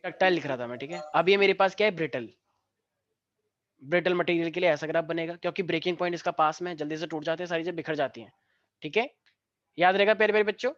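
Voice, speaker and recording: A man's voice: fairly high pitch, fairly bright tone, no echo. Playful male physics teacher. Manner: playful, tells jokey stories and dictates notes slowly. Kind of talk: online class lecture. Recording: dry, dull lo-fi sound.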